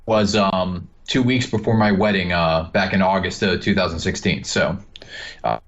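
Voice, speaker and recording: A young man with a fairly low voice rambles through a call-in, stopping and restarting his thoughts. His line is dull and lo-fi, and the audio keeps glitching and cutting out mid-sentence. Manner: rambling, halting, full of restarts. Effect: choppy call audio that keeps cutting out. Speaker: caller. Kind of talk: casual chat. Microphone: video call.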